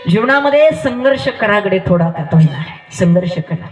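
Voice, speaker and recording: A man's voice: high-pitched, lively intonation, normal speed. Emphatic sing-song male preacher. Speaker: kirtan preacher. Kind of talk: devotional sermon with storytelling. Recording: roomy echo with live music behind.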